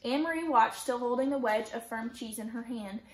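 A woman teacher reading a novel aloud in a steady, gentle storytelling manner. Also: fairly high pitch, moderate pace. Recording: roomy echo.

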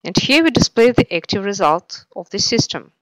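Dry, steady woman tutorial narrator. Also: mid-range voice, normal speed, no echo, poor audio. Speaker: software tutorial presenter. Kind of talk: scripted screencast narration.

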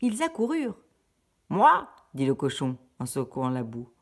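A woman reading a storybook to children in a slow, expressive, singsong way. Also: rumbling low.

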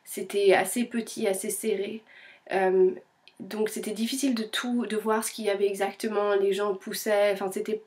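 A young woman chats at an easy pace to her knitting vlog audience, her voice slightly strained. She hesitates often and fills pauses as she tells her story. She keeps a friendly, conversational tone. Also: medium pitch, flat delivery, darkish tone. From France. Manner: chatty, many fillers and hesitations. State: voice a little strained. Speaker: knitting vlogger. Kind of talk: casual chat.

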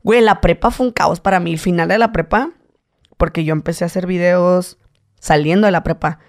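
Speaking at a brisk pace, this late-20s guest from Tijuana has a northern Mexican accent. In a relaxed interview, he tells lively stories and switches into high-pitched voices to mimic others.

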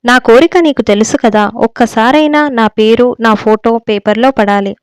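An earnest, dreamy husband in a storybook who is set on becoming a writer, as a woman reading the tale voices him. He talks seriously about his plans in a smooth, fairly high voice on a dry, close recording. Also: moderate pace, dry recording, close to an everyday voice. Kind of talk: audiobook storytelling.

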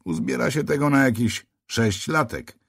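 A man's voice: mid-range voice, animated, moderate pace, gravelly, fairly bright tone, breathy edge, no echo, studio quality, pitched above the performer's own voice, full character voice. A man voicing a tired, heavyset male police officer near fifty in an audiobook, matter-of-fact and a little sardonic. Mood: weary. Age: middle-aged. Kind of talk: audiobook character voice.

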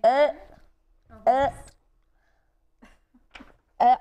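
A woman's voice: sits high, steady tone, drawn-out words, warm tone, clear, resonant tone, lo-fi sound. A female news anchor in a studio, talking with her mouth full while chewing and letting out squeamish, gasping exclamations. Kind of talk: live studio banter.

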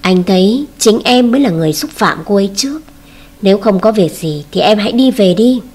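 A cool, dismissive young man, as a woman narrator reads his lines. He speaks coldly and firmly. The voice is husky and stays at a middle pitch. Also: lively intonation, a little fast, darkish tone. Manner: cold, dismissive.

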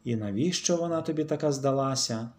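A man's voice: mid-range voice, fairly quick, darkish tone, faint music behind, voice pushed up, lightly acted. A man voicing a spiteful old queen mother who scorns her daughter-in-law, speaking in a raised, disdainful, scolding tone in a storybook reading. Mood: scornful.

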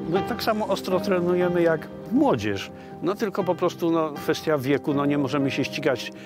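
A man's voice: a little high, animated, normal speed. A man, speaking conversationally in an informal interview as a veteran athlete. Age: 60s. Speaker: veteran amateur kayaker. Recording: music behind the voice. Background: music.

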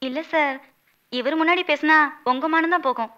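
A bold young employee. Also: female voice, sits high, brisk, pushed and bright, lo-fi sound. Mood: complaining. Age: young adult. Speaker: office employee. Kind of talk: comic film dialogue.

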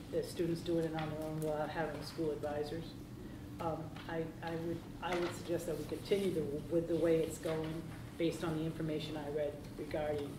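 A woman on a school board giving her view in a rambling, earnest way with many restarts. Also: low-pitched. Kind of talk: meeting discussion. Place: meeting room. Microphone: far room mic. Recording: echoey, distant, hissy.

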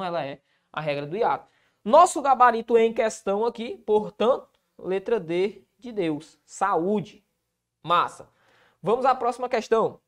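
A man's voice: sits high, a bit bright. A man teaching a grammar lesson for exam prep, asking and answering his own questions with constant check-ins. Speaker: Portuguese teacher.

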